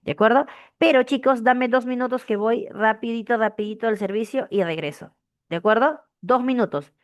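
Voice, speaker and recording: A woman's voice: fairly high pitch, moderate pace, no room sound. A woman teacher, explaining a grammar lesson and repeating key phrases as she checks understanding. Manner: repeats key phrases, asks frequent "¿de acuerdo?". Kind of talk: classroom language lesson.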